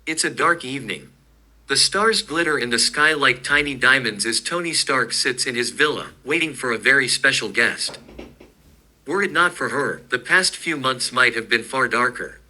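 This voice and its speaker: Bright-toned male story narrator. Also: mid-range voice, expressive, moderate pace, poor audio. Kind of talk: scripted narration.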